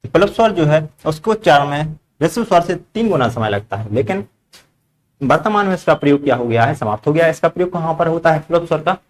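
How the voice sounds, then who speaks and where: A man teaching a grammar class, his voice sitting a little high for a man. He keeps firing questions at the room and echoes the answers back to the students. He talks in the steady rhythm of a classroom lesson. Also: brisk. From India.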